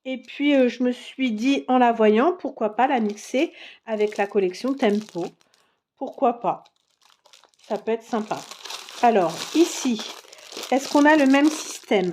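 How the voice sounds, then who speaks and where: Woman craft vlogger, slightly high voice, unhurried casual show-and-tell. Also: a little mellow, a little hiss or hum. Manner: chatty, many fillers and pauses while browsing papers. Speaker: craft vlogger showing a haul.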